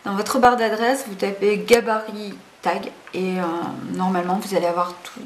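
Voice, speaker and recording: A woman's voice: mid-range voice, little pitch movement, moderate pace. A woman hosting a casual craft tutorial, chatty and hesitant, full of fillers and self-corrections. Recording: roomy echo, faint background noise.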